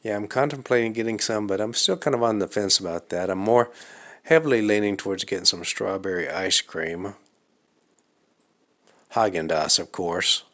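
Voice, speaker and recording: Alone in his living room at night, a vlogger speaks to the camera in a low voice with a bright, forceful edge, slightly raspy from fasting. His casual monologue is slow and halting, as if thinking aloud, full of ums and uhs.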